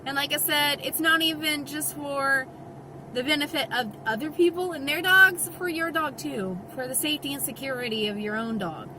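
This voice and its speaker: This is a casual rant to camera from a woman vlogger who sounds exasperated and emphatic, mimicking quoted voices while talking from the side of her mouth because part of her face is numb. She is high-pitched and moderately paced over a noisy background.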